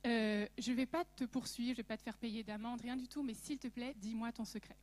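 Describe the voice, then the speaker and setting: Suspicious customs officer near retirement, acted by a woman, exasperated, pleading, high-pitched. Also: fairly even intonation, brisk, darkish tone, lightly acted.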